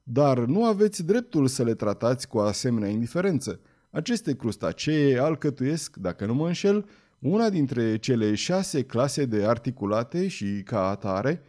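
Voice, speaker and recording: A man's voice: mid-range voice, sing-song, warm tone, natural voice. A man doing a hearty, lecturing sea captain. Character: hearty old whaling ship captain, talkative.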